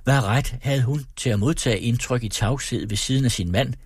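A man reading a novel aloud on the radio in a measured way, with wry personal asides. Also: medium pitch, slightly rough, no echo, studio quality. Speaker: radio reader.

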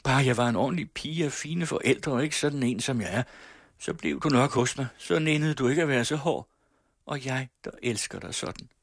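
Storybook reading: man doing a weepy young woman, high, begging, husky edge. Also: dry recording, studio quality. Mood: self-pitying. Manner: high imploring voice. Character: young working-class woman, pleading and tearful.

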